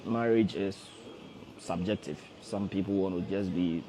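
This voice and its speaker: Deep, warm and unhurried, the voice belongs to a forex trader in his thirties doing casual motivational livestream talk. He repeats himself and directly coaxes viewers, over a little hiss or hum.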